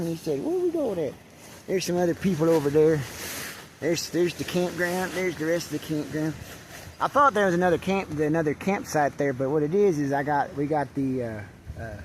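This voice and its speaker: A man's voice: mid-range voice, a little mellow, low-quality recording. An older man vlogging outdoors at a campsite on a handheld camera, rambling and profane, stumbling over restarts. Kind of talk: rambling casual vlog. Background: faint wind and birds.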